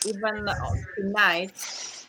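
A woman's voice: medium pitch, flat delivery, slow, noisy background. Hesitant woman from Bulgaria, English. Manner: hesitant, unsure, non-native phrasing. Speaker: listener guest. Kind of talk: casual chat.

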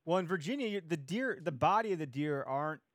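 A man's voice: fairly high pitch, lively intonation, quick pace, fairly bright tone, dry recording, studio quality. A man from Wisconsin hosting a podcast, chatting casually and telling anecdotes. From Wisconsin, United States. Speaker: podcast host. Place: basement room.

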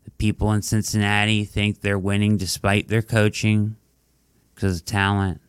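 Speaking at a moderate pace in a flat, fairly low voice, a man hosts a relaxed sports podcast; the sound is clear and resonant, with no room sound. Struggling with a dry throat and a failing voice, he talks through his analysis, dropping "like" and "right?" throughout.

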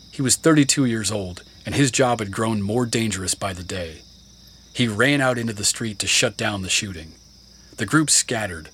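A man narrating a history podcast in a measured, scripted storytelling delivery. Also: lowish voice, a bit bright, slight background noise. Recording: music bed under narration. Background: music and crickets.

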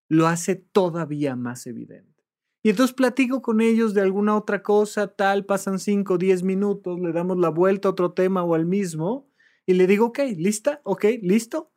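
A therapist in an animated podcast monologue, acting out hesitant client replies and patiently repeating questions. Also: medium pitch, moderate pace.

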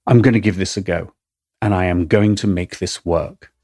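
A middle-aged man giving a measured, wry narration of his diary entries for a podcast. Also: low voice, steady tone, no room sound. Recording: dry studio voice-over, soft music.

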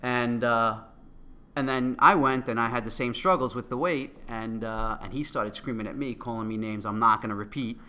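A middle-aged man speaks with a Queens, New York accent and a bright, punchy voice. He tells his story casually and excitably, acting out what each person said as he goes. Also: medium pitch, normal speed. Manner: animated, excitable storytelling with acted-out quotes. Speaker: guest, company co-founder. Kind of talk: casual anecdote telling.

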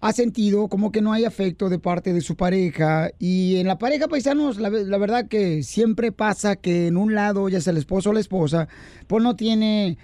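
Un hombre que presenta un programa matutino de radio, bromea y coquetea con las invitadas y presenta llamadas desde el estudio. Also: male voice, high-pitched, normal speed, warm tone, no echo. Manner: flirty, joking with guests. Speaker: radio show host. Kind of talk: radio morning show banter. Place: radio studio.

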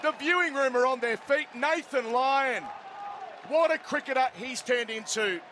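A man's voice: very high-pitched, measured pace. A man giving live radio cricket commentary, describing the play in short running phrases. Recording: clear crowd noise at outdoor ground. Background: cricket crowd, outdoor ambience.

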